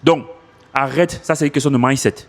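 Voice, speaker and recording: Brisk and medium-pitched, this man records a casual vlog outdoors on his phone with tips for French speakers learning English. His delivery is animated, and he says things more than once to drive them home.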